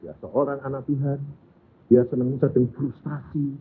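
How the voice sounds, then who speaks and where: An older man preaching a sermon, firing rhetorical questions at the congregation and dropping from loud to hushed. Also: mid-range voice, fairly even intonation, moderate pace, slight background noise. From Central Java, Indonesia. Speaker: evangelist preacher. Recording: tinny, phone-like lo-fi sound.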